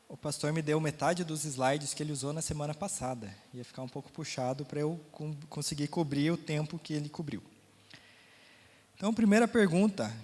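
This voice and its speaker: A man's voice: on the high side, a little mellow, long reverb tail. A man with a Brazilian Portuguese accent teaching a Sunday school Bible lesson, talking casually, quizzing the class, his throat a little sore.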